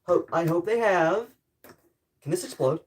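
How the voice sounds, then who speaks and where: A man's voice: high voice, expressive, unhurried. A man livestreaming casually, rambling jokey self-deprecating commentary to his viewers while he works with tools.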